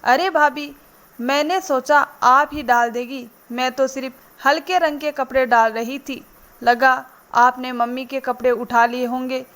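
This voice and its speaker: Storybook figure, young daughter-in-law voiced by a woman, petulant, grumbling, high-pitched. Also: steady tone, a little slow, a bit bright. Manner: grumbling, sulky.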